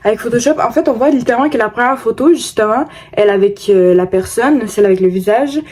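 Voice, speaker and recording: A woman's voice: fairly high pitch, quick pace, darkish tone, slightly rough. A woman YouTuber casually commenting on online photos, talking in a hesitant way with frequent fillers and restarts. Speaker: YouTuber presenting paranormal photos. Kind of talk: casual commentary over screen recording.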